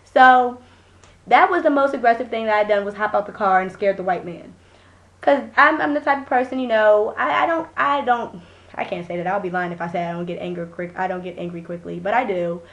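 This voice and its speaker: A hoarse young woman vlogging, telling a casual story in a blunt, animated way and swearing freely. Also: medium pitch, a little fast, muffled recording.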